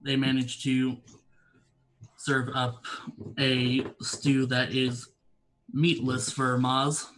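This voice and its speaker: Narrating as dungeon master for a tabletop game, a man uses a measured, even storytelling voice at medium pitch, recording from a home setup with poor audio.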